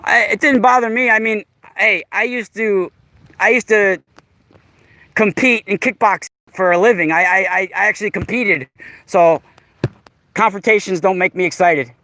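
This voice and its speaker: Man in his forties, outdoors in a park, sarcastic and argumentative, high-pitched and bright. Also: normal speed, no echo. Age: 40s. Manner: confrontational, sarcastic, repeats himself. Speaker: vlogger. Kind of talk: casual vlog, arguing with a stranger. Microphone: camera mic while filming.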